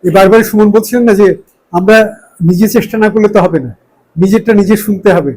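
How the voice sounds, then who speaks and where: A man's voice: high voice, fairly even intonation, fast talker, a little mellow, low-quality recording. A middle-aged man from Bangladesh, giving a classroom lecture on pronunciation and news reading, explaining patiently and drawing out vowels as he demonstrates drills. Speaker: voice and news presentation instructor.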